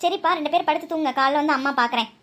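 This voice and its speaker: A high-pitched, fast-talking cartoon mother with a Tamil Nadu lilt, voiced by a woman. She scolds sharply one moment and fusses tenderly over her grown sons the next, always quick and brisk. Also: fairly bright tone. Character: strict, loving middle-aged village mother. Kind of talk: cartoon voice acting.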